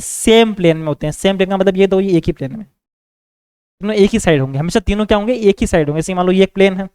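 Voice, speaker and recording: A man with a Hindi accent giving a classroom science lecture, asking his students questions and repeating key words, slowing down to read definitions. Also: high-pitched, darkish tone, clear, resonant tone, no room sound. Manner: repetitive, asks students questions; reads English definitions slowly. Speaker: teacher.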